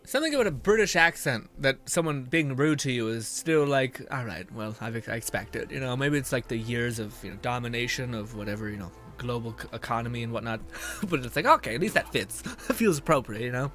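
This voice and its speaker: A man's voice: medium pitch, animated, brisk, fairly bright tone, soft background music. A man chatting casually on a game stream, rambling and slangy as he reads chat. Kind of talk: casual live-stream chat over gameplay.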